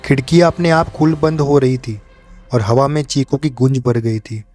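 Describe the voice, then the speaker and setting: Guy telling a scary story, steady dramatic voice, quiet music behind. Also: medium pitch, moderate pace. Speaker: narrator. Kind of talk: horror storytelling narration.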